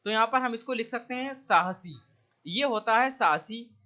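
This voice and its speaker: A man with a Hindi accent teaches English vocabulary in an online exam-prep lecture. His voice is bright and forceful, and he keeps checking that his listeners are following. The recording sounds dull and lo-fi. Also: very high voice, lively intonation. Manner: explains each word slowly with repeated checks like "theek hai".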